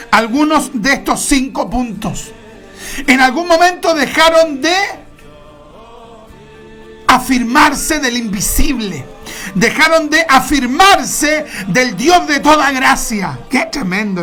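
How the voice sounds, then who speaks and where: A woman preaching a sermon, emphatic and repetitive, stretching key words and now and then bursting into shouts. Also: sits high, lively intonation, slow pace, faint music behind.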